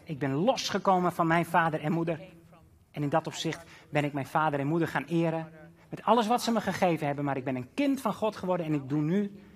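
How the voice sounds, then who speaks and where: A man preaching a sermon as a pastor, impassioned and building to loud emphatic peaks. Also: on the high side.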